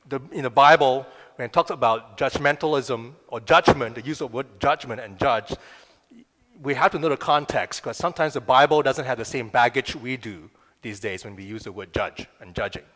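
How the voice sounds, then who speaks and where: Male pastor, mid pitch, relaxed conversational sermon, long room reverb. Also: normal speed. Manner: conversational, asks the crowd "right?" often.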